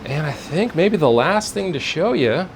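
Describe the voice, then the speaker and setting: A man's voice: on the high side, big pitch swings, a little slow. A man giving a casual, informal walk-through in vlog style, rambling and thinking aloud as he guides the viewer. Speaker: tour guide. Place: indoors, workplace rooms. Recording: faint room and air-conditioning noise.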